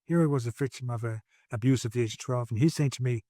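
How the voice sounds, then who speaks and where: A man's voice: medium pitch, fast talker, mellow, no echo, clean studio sound. A man in his sixties, a podcast guest at home, telling his personal story in an earnest, reflective way with frequent restarts. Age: 60s.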